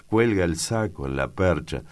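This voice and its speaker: A man from Argentina reading a classic novel aloud in a measured narration. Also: low-pitched, expressive, a little mellow. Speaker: audiobook reader. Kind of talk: scripted literary narration.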